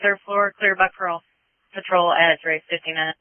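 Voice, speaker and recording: Over a narrowband police radio transmission, a dispatcher relays messages in a clipped, procedural manner and repeats them back over the channel. The voice is medium-pitched, steady and clean, at a normal speed.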